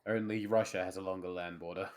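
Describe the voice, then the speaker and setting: A young man with an Australian accent tells wry anecdotes in a relaxed, slightly low voice. He chats casually over a voice call. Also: fast talker. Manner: wry storytelling with frequent laughs. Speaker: player. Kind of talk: casual chat.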